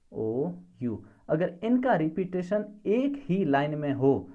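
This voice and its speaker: A male teacher explaining a lesson patiently, often checking that students follow and reading definitions out slowly and deliberately. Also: on the high side, a little mellow, muffled recording. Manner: patient, repeats checks for understanding. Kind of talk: classroom-style lesson explanation.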